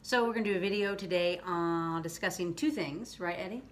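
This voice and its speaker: A woman's voice: fairly low pitch, fairly quick. A woman hosting a vlog, explaining things in loose, rambling casual chat. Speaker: vlog host. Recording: faint background noise.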